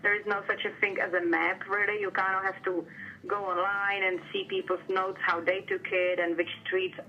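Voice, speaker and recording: A woman's voice: medium pitch, little pitch movement, moderate pace, a little hiss or hum. A woman from the Republic, a filmmaker talking casually in a documentary interview, with lots of fillers. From Czech Republic. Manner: casual, hedging with filler words. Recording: dull sound with faint music.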